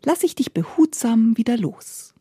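A woman voicing the Darkness as a gentle female spirit, soft and half-whispered, soothing and tender. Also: medium pitch, lively intonation, moderate pace, slightly rough, dry recording, studio quality.

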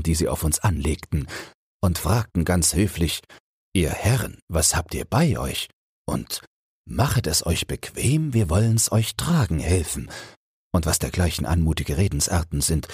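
A man's voice: a bass voice, a little mellow, husky, no echo, studio quality, full character voice. A man voicing a carefree journeyman smith who teases his fearful companion in a fairy-tale audiobook. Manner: teasing, easygoing.

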